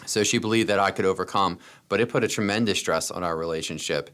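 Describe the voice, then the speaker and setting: An American startup founder, appearing as a guest on a podcast interview, tells personal stories in a deep voice. He talks quickly with a fairly bright tone, sounding earnest and repeating phrases for emphasis.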